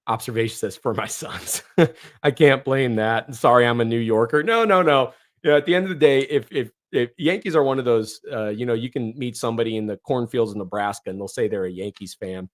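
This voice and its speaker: Brisk and mid-range, a hoarse livestream host from northeastern Ohio reads viewer comments in a loose, rambling way, full of fillers and restarts.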